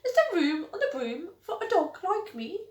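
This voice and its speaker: A woman's voice: very high-pitched, big pitch swings, normal speed, darkish tone, voice pushed up. A woman voicing a cute, eager male dog who asks sweetly to come along, in a storybook reading. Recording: echoey room.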